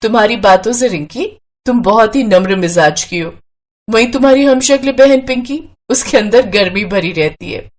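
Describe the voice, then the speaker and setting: Brief: woman voicing a calm, kind young bride, soothing tone, storybook. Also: medium pitch, normal speed, close to an everyday voice. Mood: friendly. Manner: soft, reasonable, soothing. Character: gentle young newlywed wife. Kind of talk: storybook character voice.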